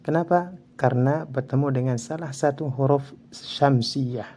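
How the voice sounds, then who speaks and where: A man's voice: mid-range voice, unhurried, mellow, slight background noise. A man with an Indonesian accent teaching Quran recitation rules, explaining each rule and then reciting examples drawn out. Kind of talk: tajwid lesson with recited examples.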